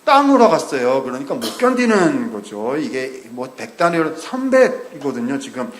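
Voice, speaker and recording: A man preaching a sermon in a lively, conversational way, often asking the congregation questions. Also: mid-range voice, moderate pace, echoey room, slight background noise. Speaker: pastor. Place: church sanctuary.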